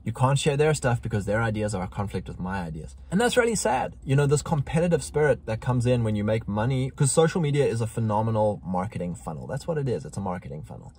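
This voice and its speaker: A man talking in a casual conversation with a slightly husky voice at a middle pitch. He speaks emphatically and preaches, and he gets heated at times. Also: big pitch swings, quick pace, hardly any pauses, a little mellow.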